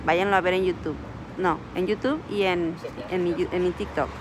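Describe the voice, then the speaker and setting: A woman's voice: lowish voice, moderate pace, background noise. A woman with a Mexican accent, telling a story in a casual vlog outdoors at a city bus stop and acting out the dialogue. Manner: animated storyteller, acts out quoted dialogue. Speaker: vlogger.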